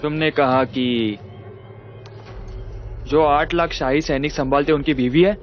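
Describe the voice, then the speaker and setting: An actor dubbing a lecherous, arrogant young nobleman who mocks and leers in a slow drawl. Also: fairly high pitch, fairly even intonation, slight background noise, lightly acted. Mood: leering. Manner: leering, mocking, slow drawl. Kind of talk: Hindi film dub. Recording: dull muffled film audio with music.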